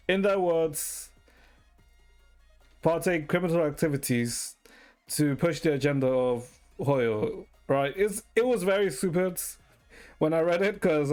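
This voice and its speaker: A live streamer meanders through casual chat, hesitating, often adding "right?" and swearing from time to time. The voice is medium-pitched and a little mellow.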